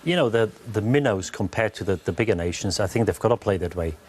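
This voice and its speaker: A man's voice: lowish voice, lively intonation, fast talker, a little mellow, a little hiss or hum. A man giving post-match football analysis as a pundit, thinking aloud with many fillers and restarts.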